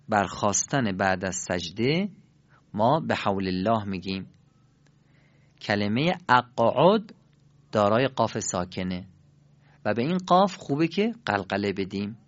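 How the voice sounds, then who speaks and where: A man teaching Quran recitation in a recorded lesson, demonstrating sounds slowly and asking learners to repeat after him. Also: lowish voice, animated. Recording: dull lo-fi recording.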